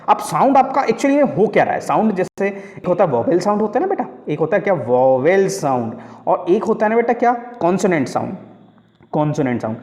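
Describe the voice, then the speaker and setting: Male Indian tutor with a higher-pitched voice and a Hindi-English lecturing style, patient and repetitive, recorded with a long hall echo. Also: a little mellow. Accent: Indian, Hindi-English mix. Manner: explains patiently, asks and answers his own questions, calls students "beta". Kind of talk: exam-prep grammar lecture.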